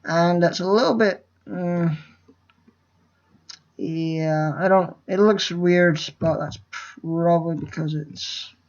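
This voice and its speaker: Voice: mid-range voice, steady tone, takes it slowly. Nervous rambling tutorial voice, lo-fi. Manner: nervous, rambling and self-interrupting; swears casually. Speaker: game-making tutorial host. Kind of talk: casual screen-recorded tutorial.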